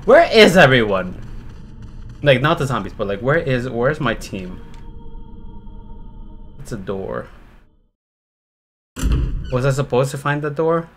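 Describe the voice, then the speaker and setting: A man narrates his own live horror gameplay, jumping between low grumbling and frantic, cursing yelps. His voice moves with a wide, lively pitch range, and faint noise sits under it. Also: measured pace, long pauses. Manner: panicky, cursing, yelps and rambles at the game. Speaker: streamer.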